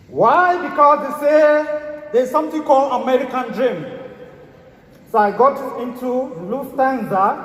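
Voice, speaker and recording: Very high-voiced man giving a fiery speech. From Germany. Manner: emphatic, repeats rhetorical questions. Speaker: motivational stage speaker. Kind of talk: energetic motivational speech. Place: large event hall stage. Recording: echoey event hall, audience noise.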